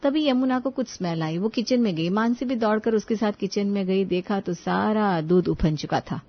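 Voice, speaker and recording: A woman's voice: medium pitch, moderate pace, dull audio. A woman narrating a scripted bedtime story with sympathy for its heroine.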